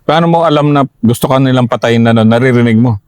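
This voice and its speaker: A man's voice: mid-range voice, quick pace, darkish tone, smooth, no room sound. A man hosting an interview, asking short, probing follow-up questions. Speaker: interviewer host.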